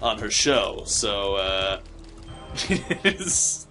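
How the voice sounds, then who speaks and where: A man's voice: fairly low pitch, big pitch swings, extremely slow, music in the background, pitched below the performer's own voice, full character voice. A man voicing a bubbly, airheaded Buddhist monk with a Valley Girl accent, full of "like" and "totally.". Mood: ditzy. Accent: California Valley Girl. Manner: ditzy, peppered with "like" and "totally". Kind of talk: improvised comedy bit.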